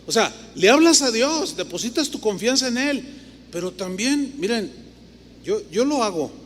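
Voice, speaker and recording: A man's voice: high-pitched, very animated, moderate pace. A man, preaching a conversational sermon as a pastor and breaking into asides where he talks to himself. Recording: reverberant hall with faint noise.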